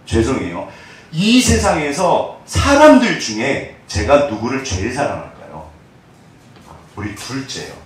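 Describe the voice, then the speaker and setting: A man in his forties preaching a sermon, telling personal stories in an animated way that swings between loud and hushed. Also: mid-range voice, a little slow, a little hiss or hum. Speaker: pastor. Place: church sanctuary. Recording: echoey church hall, distant mic.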